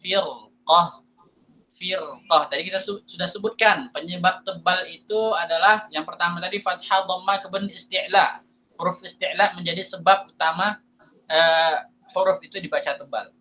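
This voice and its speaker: An Indonesian man teaching a lesson on Quran recitation, asking and answering his own questions and reciting examples slowly. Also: high voice, fairly even intonation, pushed and bright, low-quality recording. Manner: slow drawn-out recitation of examples. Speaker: tajwid teacher.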